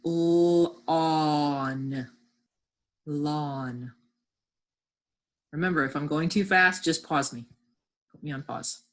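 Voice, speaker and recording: A woman's voice: deep voice, takes it slowly, long pauses, sharp tone. A woman teacher giving a lesson from home, patiently sounding out words and encouraging her class.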